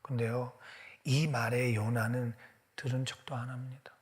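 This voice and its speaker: A man's voice: mid-range voice, little pitch movement, moderate pace. A male pastor preaching a sermon, asking his congregation questions and sometimes dropping to a whisper. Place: church.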